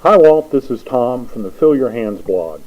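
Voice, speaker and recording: A man's voice: mid-range voice, expressive, moderate pace. A man getting over a cold leaves a recorded voice message, laying out his reasons point by point in a methodical way. His voice sounds thin and boxy, as if heard through a tube. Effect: thin, boxy sound, like through a tube or phone line. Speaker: listener sending in a voice message. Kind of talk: reading a prepared answer.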